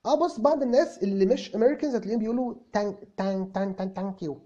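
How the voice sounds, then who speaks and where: Very high-voiced and very fast, with a dark tone, a man with an Egyptian Arabic accent plays a self-assured young English tutor answering comments in a comic video lesson. He explains breezily, stammering through restarts and repeating examples, on a dull lo-fi recording.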